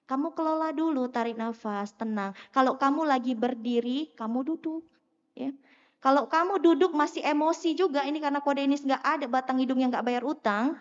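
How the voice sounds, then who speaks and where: High-voiced woman preaching in an echoing hall. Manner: animated, teasing, asks the crowd questions. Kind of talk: lively sermon to a live audience. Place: mosque hall. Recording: muffled sound in a long-echo hall.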